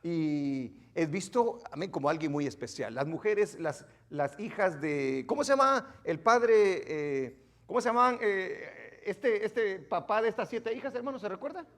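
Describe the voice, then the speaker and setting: A man's voice: sits high, animated, a little slow, fairly bright tone. A male pastor giving an interactive Bible teaching in a church, quizzing the congregation and joking as he goes.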